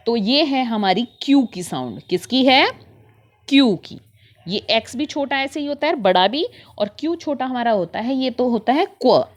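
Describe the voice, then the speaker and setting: A woman teacher giving a lesson to young children, asking questions and repeating letter sounds. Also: fairly high pitch. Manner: reads English sentences very slowly.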